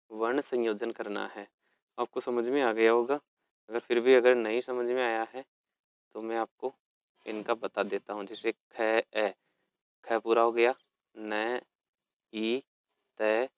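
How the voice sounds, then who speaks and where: Slow, patient man teaching Sanskrit. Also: on the low side, clean tone, no room sound, highs cut off. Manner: slow, patient, spells words out letter by letter. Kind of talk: explaining a textbook lesson.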